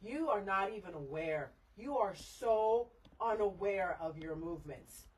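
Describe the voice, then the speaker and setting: A woman's voice: medium pitch, expressive, unhurried, breathy edge, recorded from a distance, poor audio. A middle-aged mother scolding her daughter in a heated family argument, lecturing and repeating herself.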